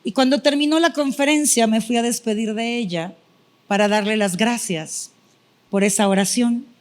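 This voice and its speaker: A woman's voice: on the high side, moderate pace. A middle-aged woman preacher giving a sermon testimony, telling her story with feeling and acting out her own past prayers.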